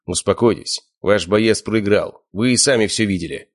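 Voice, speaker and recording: A man voicing an excitable arena announcer who proclaims results. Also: on the low side, moderate pace, dry recording, clean studio sound, close to an everyday voice. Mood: hyped. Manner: hyped showman proclaiming.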